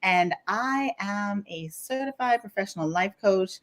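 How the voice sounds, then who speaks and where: Lively Bahamian woman life coach. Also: mid-range voice, a little slow. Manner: lively, laughing, emphatic and expressive. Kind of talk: casual podcast chat.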